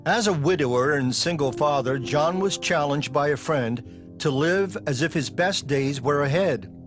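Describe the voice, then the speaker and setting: A male television reporter reading scripted news narration in an even, polished way. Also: a little high, unhurried, music in the background.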